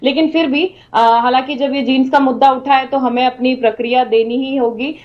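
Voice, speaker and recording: A woman's voice: sits high, fairly even intonation, fairly quick. A woman giving her opinion as a remote news panel guest, mixing English words into her speech. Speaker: women's wing president, debate guest. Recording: dull, band-limited call audio.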